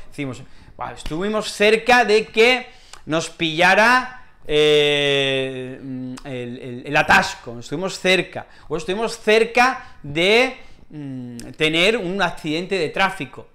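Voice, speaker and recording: A man with a Spain Spanish accent teaching a casual language lesson, acting out little scenes with lots of fillers. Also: sits high. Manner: animated, acts out little scenes, many fillers.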